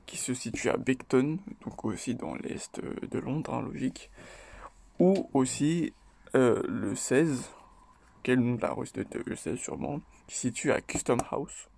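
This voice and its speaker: A man hosting his own video, talking through rap lyrics in a loose, chatty way, hesitating often and tagging his points with quick check-ins. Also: mid-range voice, creaky, darkish tone, breathy edge. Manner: loose and chatty, tags lines with "ok?" and "voilà"; hesitant, with frequent fillers and restarts. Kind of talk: casual spoken commentary.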